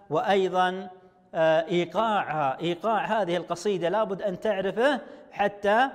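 A male teacher giving an online language lesson to young children, slowly sounding out words syllable by syllable. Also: high-pitched, big-room sound. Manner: slow, drawn-out syllable-by-syllable explaining. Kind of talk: online Arabic lesson for first graders.

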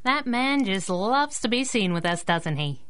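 Kit Baxter, bright, sassy girl sidekick. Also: mid-range voice, animated, a little slow, smooth. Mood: wry, playful. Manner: teasing, sassy banter. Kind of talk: 1930s-style radio adventure acting.

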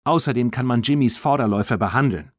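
Man playing an earnest teenage girl, raised pitch, persuasive, storybook audiobook, dry sound. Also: expressive, fast talker, dry recording, lightly acted. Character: eager teenage girl backing her friend. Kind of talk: audiobook reading.

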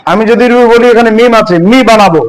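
Guy teaching quran letters, high voice, asks then answers himself, bit of hiss behind. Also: poor audio. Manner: asks questions and answers them, drawn-out recitation. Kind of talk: classroom lesson on Arabic letters.

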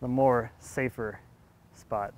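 A man's voice: mid-range voice, steady tone, slow. A man in his thirties casually explaining his work as he saws a log outdoors, thinking aloud and chuckling now and then. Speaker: woodworker running a sawmill. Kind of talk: casual on-site narration. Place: outdoors in a yard at a sawmill.

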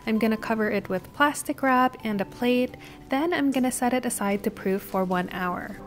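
A woman host calmly narrating a baking recipe step by step as a voice-over. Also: on the high side, normal speed. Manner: steady step-by-step instructional delivery. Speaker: cooking channel host. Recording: voice-over with music behind.

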